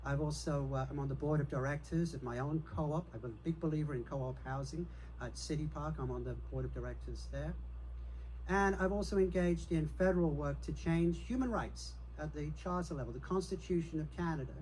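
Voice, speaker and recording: A middle-aged man speaks as a city council candidate, self-assured and personable. His voice sits a little high. A faint ambient hum lies under his campaign speech. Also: brisk, darkish tone, poor audio.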